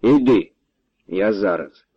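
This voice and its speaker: A man's voice: lowish voice, expressive, slow, breathy edge, no echo, highs cut off, full character voice. A man voicing a proud, short-tempered Cossack colonel who bellows and scorns, in a storybook reading. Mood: angry.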